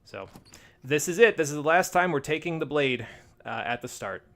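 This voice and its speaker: A man's voice: fairly high pitch, lively intonation, moderate pace, fairly bright tone. A man giving casual, rambling commentary as he streams a game, wry and thinking aloud. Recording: faint game music behind.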